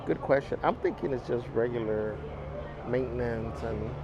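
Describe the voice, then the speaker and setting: A male streamer talks casually to his viewers in a medium-pitched voice. The sound is dull, recorded outdoors with clear vehicle and ambient noise. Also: normal speed. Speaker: live-streamer. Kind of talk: casual live stream chat, reading viewer comments. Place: outdoors aboard an open train.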